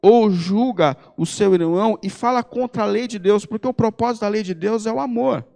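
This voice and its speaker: Brazilian pastor guy preaching in a church, high voice, chatty then forceful, echoey. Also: brisk, gravelly. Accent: Brazilian Portuguese. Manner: emphatic, rising to forceful appeals; conversational with personal anecdotes. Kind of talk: sermon. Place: church hall.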